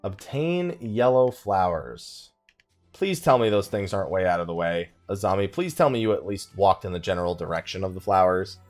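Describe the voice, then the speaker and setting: A deep-voiced man hosts a gaming let's play at a normal pace, sounding animated as faint music plays underneath. His commentary is casual and rambling, full of jokes, mock exasperation and self-mockery.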